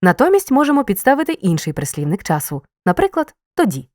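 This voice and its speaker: A woman reading a scripted grammar lesson, explaining clearly and stressing key words. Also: medium pitch, big pitch swings, fast, mellow, no room sound, clean studio sound. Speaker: teacher.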